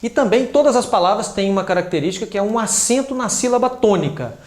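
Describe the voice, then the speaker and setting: High-voiced Brazilian man teaching. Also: lively intonation, fast talker, darkish tone, reverberant. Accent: Brazilian Portuguese. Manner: explanatory, emphatic on stressed syllables. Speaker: English teacher. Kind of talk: explaining a teaching method.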